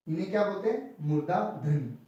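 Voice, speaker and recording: High-voiced man teaching in an echoey room. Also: lively intonation, fast, warm tone, dull audio. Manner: repeats key terms as rhetorical questions. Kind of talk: explanatory Hindi grammar lesson. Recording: echoey room, voice from far off the mic.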